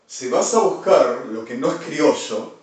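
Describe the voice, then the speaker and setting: A man's voice: animated, measured pace. Rambling Argentine man in echoey room. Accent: Argentine Spanish. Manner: erratic, swings from low muttering to loud shouting. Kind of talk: rambling monologue to camera. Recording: very echoey room, far from the mic.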